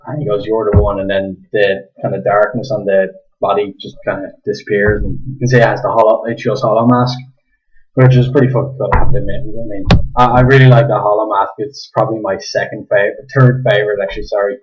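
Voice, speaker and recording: A young Irish man with a fairly low voice gives a casual, rambling review while a bit drunk. He swears freely, backtracks often and keeps his volume down late at night. The webcam audio from his kitchen is dull and lo-fi. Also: little pitch movement, fast. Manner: rambling, sweary, self-correcting, keeping his voice down. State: slightly drunk. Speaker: manga reviewer. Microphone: webcam microphone.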